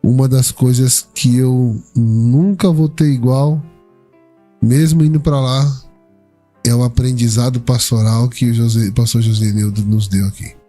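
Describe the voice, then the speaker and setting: A man's voice: medium pitch, fairly even intonation, a little slow, warm tone, soft background music. A man with a Brazilian Portuguese accent hosting a casual church podcast interview, answering the guest with short church affirmations. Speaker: podcast host.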